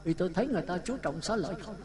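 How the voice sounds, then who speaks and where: Male Buddhist monk, Southern Vietnamese accent, high voice, animated storytelling sermon, audience audible in the room. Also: rapid-fire, crowd noise. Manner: lively anecdotal telling, acts out dialogue. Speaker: Buddhist monk giving a dharma talk. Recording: talk with audience sounds behind. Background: listeners laughing.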